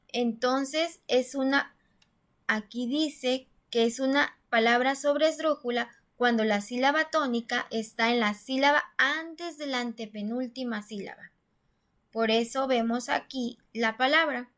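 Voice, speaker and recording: Woman explaining a grammar lesson slowly, kinda high voice, sounds out each syllable. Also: fairly bright tone. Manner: patient, step-by-step explaining, stresses syllables aloud. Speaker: teacher. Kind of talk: classroom-style grammar lesson.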